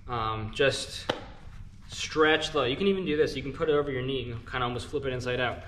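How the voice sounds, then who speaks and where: A young man who hosts a glove channel talks casually to the camera, out of breath and brisk, with a medium-pitched voice over a noisy background. He chats with viewers, calling them guys, while walking them through how to do something.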